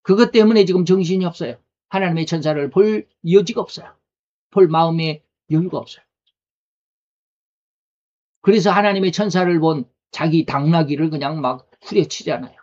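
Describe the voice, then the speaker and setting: A man's voice: a little high, normal speed, a little mellow. A male pastor preaching a sermon in a conversational way, asking rhetorical questions. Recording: dull lo-fi recording.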